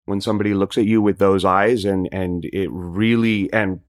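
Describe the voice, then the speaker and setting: A male podcast guest with a lowish voice thinks aloud in relaxed, casual conversation. He sounds modest and self-effacing, hesitant and halting as he talks.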